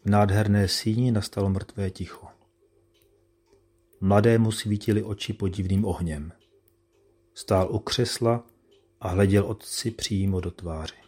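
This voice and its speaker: Low, mellow male storyteller. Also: fairly even intonation, slightly rough. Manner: measured, solemn storytelling. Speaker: narrator. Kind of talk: scripted narration of a classic tale.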